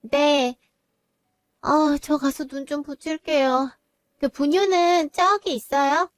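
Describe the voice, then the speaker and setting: A woman's voice: high-pitched, fairly even intonation, takes it slowly, dry recording. A woman voice actor playing a whiny, exhausted young new mother in a Korean audio drama.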